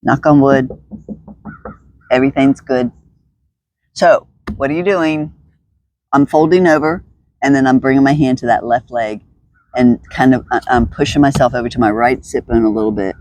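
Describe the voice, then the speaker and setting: A woman's voice: extremely low pitch, normal speed, pauses often, a little mellow, dry recording. Chatty woman guiding stretches. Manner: chatty, upbeat, thinks aloud, laughs often. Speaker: stretching instructor. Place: outdoors in the sun.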